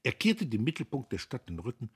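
A man with a husky voice narrating a classic novel as an audiobook, in an expressive, theatrical reading. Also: mid-range voice, brisk.

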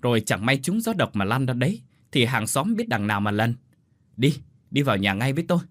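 A man voicing a loud, bossy elderly village woman who shouts and fusses at her deaf neighbor in an audio story. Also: mid-range voice, very animated, a little fast, dry recording, studio quality, natural voice. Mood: fussing. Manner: shouting, urgent, scolding.

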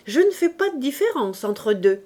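A woman voicing a domineering, quick-tempered mother in a French audiobook, with indignant, shrill outbursts. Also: big pitch swings, mellow. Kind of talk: audiobook reading.

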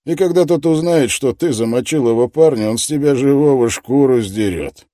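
A man's voice: mid-range voice, normal speed, dark tone, no echo, clean studio sound, pitched above the performer's own voice, close to an everyday voice. A man voicing a sardonic male police detective who mocks and presses a suspect in blunt slang, raised above his narrating voice. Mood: menacing mockery.

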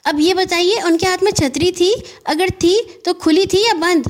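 A woman voicing an excitable little boy in a children's audio story, firing off hurried, eager questions and talking out of breath. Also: very high-pitched, a little hiss or hum, voice pushed up.

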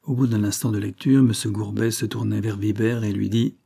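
A man reading a classic novel aloud in measured, even scripted narration. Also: lowish voice, vocal fry. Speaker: audiobook reader.

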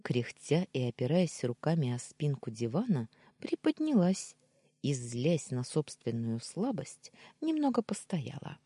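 Woman, audiobook narration, husky voice, dry close recording, expressive. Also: low-pitched, a little slow, dry recording. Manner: expressive, with dialogue voiced in character. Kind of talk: first-person story narration.

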